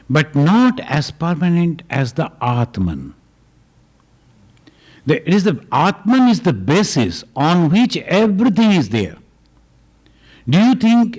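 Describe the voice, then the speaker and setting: Slow, chuckling man giving spiritual answers. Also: a little high, a little mellow. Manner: slow, deliberate, chuckles often. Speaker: swami answering retreat questions. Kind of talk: spiritual Q&A talk. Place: retreat gathering hall.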